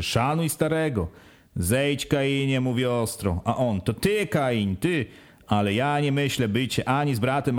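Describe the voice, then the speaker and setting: Man reading a first-person story. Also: mid-range voice. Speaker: audiobook reader. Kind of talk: first-person audiobook narration.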